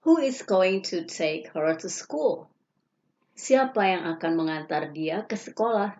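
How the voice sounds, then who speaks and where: A woman teacher reading English example questions slowly and carefully, each followed by its Indonesian translation. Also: lowish voice, lively intonation, a little mellow. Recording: dull lo-fi recording.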